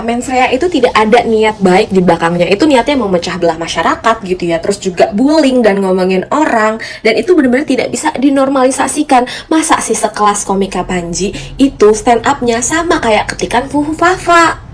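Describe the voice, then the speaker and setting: A woman's voice: fairly high pitch, a little hiss or hum. A woman speaking in a casual vlog monologue, slangy and mock-indignant. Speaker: vlogger.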